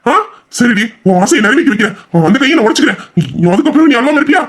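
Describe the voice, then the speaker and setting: A man's voice: extremely high pitch, expressive, quick pace, a bit bright, breathy edge, full character voice. A man playing a hot-tempered young husband in an audio drama, mocking and bitter in every reply. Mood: sarcastic, angry. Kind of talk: Tamil audio drama acting.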